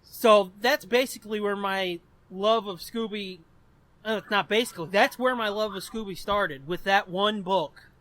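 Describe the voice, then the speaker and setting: In casual podcast chat, this twenty-something male co-host rambles through a story and curses frequently. His voice sits high with a fairly bright tone, unhurried, in a dry recording.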